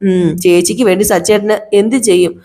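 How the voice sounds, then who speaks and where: A bitter young man from a TV serial, as a woman puts him on, accusing and sharp-tongued, refusing to take anyone's side but his sister's. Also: mid-range voice, steady tone, a little fast, lightly acted.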